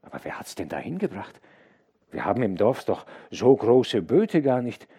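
A man's voice: lowish voice, sing-song, normal speed, warm tone, breathy edge, heavily acted. A man voicing a young farm boy who is eager, superstitious and easily spooked, in an audiobook.

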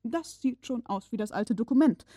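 A woman's voice: on the high side, animated, normal speed, dry recording, studio quality. A woman reading a stern, obsessive old professor. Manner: stern, commanding, bursts into shouts. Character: gruff, obsessive old male professor uncle. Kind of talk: audiobook character reading.

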